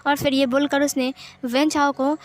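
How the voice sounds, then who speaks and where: Woman storyteller, high voice, plain matter-of-fact story narration. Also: flat delivery, normal speed. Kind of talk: fan-fiction story narration.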